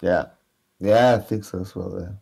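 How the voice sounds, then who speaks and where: A man in his thirties chatting casually about comics as a co-host, hesitant and halting, often repeating himself. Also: low-pitched, steady tone, gravelly, a little mellow, husky. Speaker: co-host of a manga reaction show. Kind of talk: casual chat reviewing a manga chapter. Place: small room at home, indoors.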